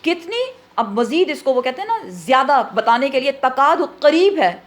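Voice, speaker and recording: Higher-voiced woman teaching a Quran lesson. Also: big pitch swings. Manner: asks questions and answers them herself; mixes English words into speech.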